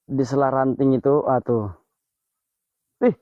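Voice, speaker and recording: A man's voice: mid-range voice, steady tone, measured pace, no echo. A young man on a night ghost-hunting vlog outdoors among trees, murmuring tense exclamations and prayers. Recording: dull lo-fi audio.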